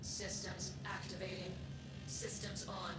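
A woman's voice: mid-range voice, a little slow, very noisy. Robotic female ship computer. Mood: calm. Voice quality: flat, clipped status announcements. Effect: synthetic robotic computer voice. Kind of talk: in-game system announcements. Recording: echoey, distant, under loud game music.

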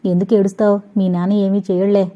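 A woman's voice: medium pitch, flat delivery, fast, dark tone, close to an everyday voice. A woman voicing a fearless, teasing young man in an audio novel, in a playful, self-assured manner, on dull lo-fi audio.

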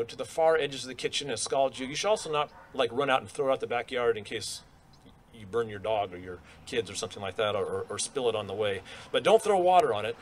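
A man's voice: medium pitch, slight background noise. A middle-aged man preaching a sermon at a lectern in an outdoor church courtyard, talking conversationally with rhetorical questions and frequent restarts. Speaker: pastor. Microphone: stand mic at lectern.

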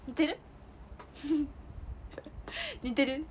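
A woman's voice: fairly high pitch, lively intonation, moderate pace, slight background noise. A young woman chatting casually with viewers on a solo livestream, bubbly and giggly, indoors while heavy rain falls outside. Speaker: idol livestream host. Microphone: phone or streaming mic.

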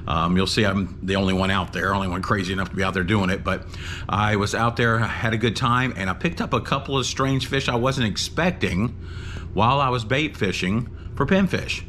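Middle-aged guy fishing on a windy waterfront, excitable and folksy, action cam, wind and water noise all over. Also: fairly low pitch, a little fast. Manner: excitable, talks to camera and birds, folksy. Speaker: fishing vlogger. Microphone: action camera. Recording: outdoor wind and boat noise. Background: wind and water ambience.

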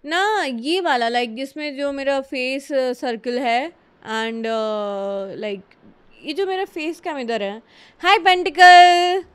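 Unhurried Indian woman streamer, clear voice. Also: sits high, animated. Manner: chatty, mixes Hindi and English, greets and answers chat. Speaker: live streamer. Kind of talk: casual live-stream chat. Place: room at home with a ceiling fan running.

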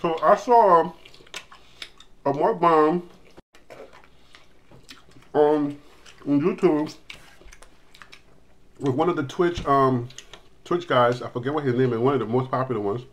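A man's voice: on the high side, slow pace, pauses often, a bit bright. A middle-aged man hosting a family eating video, rambling and explaining dishes to viewers. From Liberia. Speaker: cooking channel host. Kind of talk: casual family mukbang chat.

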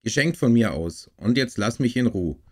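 A man voicing a stubborn older boy who speaks firmly and gruffly to his little brother. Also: medium pitch, lively intonation, normal speed, a little mellow, pitched above the performer's own voice, close to an everyday voice. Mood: grumbling.

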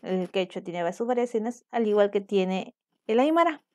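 A woman's voice: medium pitch, expressive, normal speed, warm tone. A young adult woman from Peru, teaching a virtual class and explaining points while checking in with her students. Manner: explanatory, asks students for confirmation.

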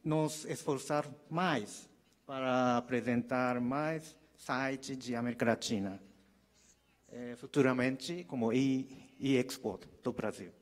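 A man with a Japanese accent giving a formal conference presentation as a non-native speaker, in a halting, hesitant manner. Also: mid-range voice, steady tone. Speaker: trade promotion speaker. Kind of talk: formal conference presentation in Portuguese as a second language. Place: conference hall stage.

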